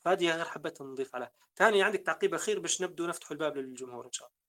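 A man's voice: fairly high pitch, very fast, bright, forceful tone. A man with a Libyan Arabic accent hosting a panel discussion, earnestly advising parents. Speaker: host.

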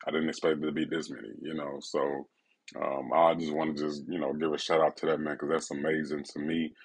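A man hosting a casual, intimate solo podcast, speaking in a laid-back, personal way right in the listener's ear, with a gravelly, husky voice. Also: rumbling low, level tone, fairly quick. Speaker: podcast host.

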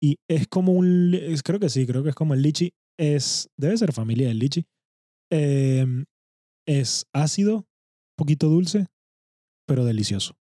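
A man's voice: a little high, lively intonation, measured pace, mellow, no room sound, studio quality. Venezuelan man hosting a casual podcast. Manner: laughs often, hesitant explaining. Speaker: podcast host.

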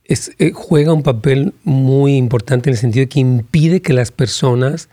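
Mellow-voiced pastor host. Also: male voice, medium pitch, moderate pace, dry recording, clean studio sound. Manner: supportive interjections, preachy asides. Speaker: pastor hosting the interview.

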